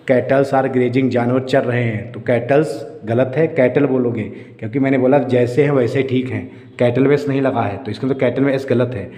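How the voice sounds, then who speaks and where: A man's voice: mid-range voice, warm tone. Man, grammar teacher, patient lesson, says okay a lot, echoey hall, faint background hum. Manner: repeats "okay" often, drills examples. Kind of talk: explanatory lesson. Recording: echoey room with faint ambient noise.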